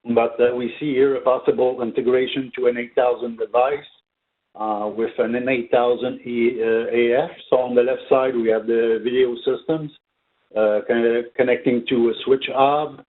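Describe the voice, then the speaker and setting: Heard through tinny, telephone-band audio, a mid-pitched male product trainer gives an unscripted company webinar in a steady tone. His delivery is halting, studded with ums and other filled pauses.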